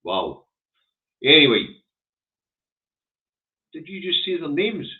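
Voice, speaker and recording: A man's voice: a little high, very animated, slow pace. A man with a broad Lanarkshire Scottish accent hosting a casual livestream, chatting and giving blunt, colloquial, sweary commentary on the news. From Scotland. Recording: thin, phone-like narrow-band sound.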